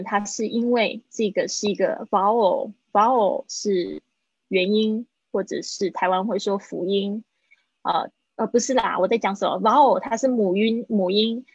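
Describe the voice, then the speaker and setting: A woman teaches English in a livestream lesson. Her voice is a bit breathy, at a middle pitch. She says the phrases slowly, then explains them briskly, and the dry recording sounds slightly muffled. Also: dry recording. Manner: slow drilled English phrases between quick Mandarin explanations.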